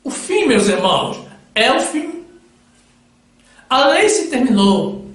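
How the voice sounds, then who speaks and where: High-voiced slow solemn male preacher. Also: sing-song, a bit bright. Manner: solemn, addresses listeners as brothers. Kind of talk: sermon with Bible readings. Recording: very echoey room.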